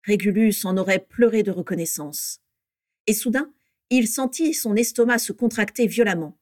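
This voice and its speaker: A woman reading a story aloud with steady, measured narration. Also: mid-range voice, no room sound, studio quality.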